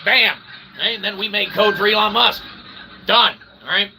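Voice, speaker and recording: A high-voiced man, an independent researcher and vlogger, speaks at a measured pace in a rambling, casual monologue, with noise in the background. He's folksy and irreverent, uses slang and mock-grand wording, and often checks in with "okay" and "all right."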